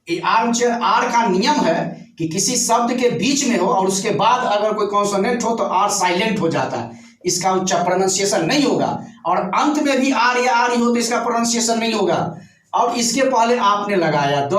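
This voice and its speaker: A male teacher with a notably high voice lectures his class, walking through each point step by step and repeating key words slowly. He is picked up from a distance, so the sound is roomy and echoing. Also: a bit bright. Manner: addresses students with checking questions.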